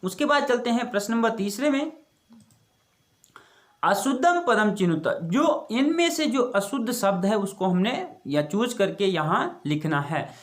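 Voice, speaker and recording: Classroom-style teacher at a middle pitch: reads a line aloud, explains it slowly, poses questions, answers them. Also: expressive. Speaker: Sanskrit teacher. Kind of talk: explaining a textbook lesson.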